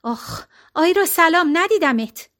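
A woman narrator voicing a sharp-tongued woman at a funeral, blunt and complaining, in a storybook reading. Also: very high-pitched, expressive, pitched above the performer's own voice, heavily acted. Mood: grumbling.

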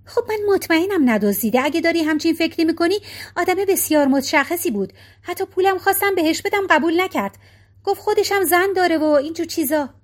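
A woman's voice: extremely high pitch, lively intonation, voice pushed up. A woman reading a storybook voicing a carefree, scatterbrained middle-aged woman who answers offhandedly. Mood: airy.

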